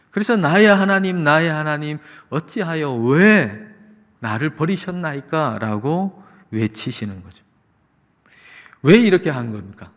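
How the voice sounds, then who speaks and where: A man preaching a sermon as pastor, earnestly explaining and raising his voice when he quotes the cries of Jesus. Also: mid-range voice. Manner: earnest preaching, voice rising on quoted cries, slow drawn-out singing. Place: church sanctuary. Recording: long church reverb.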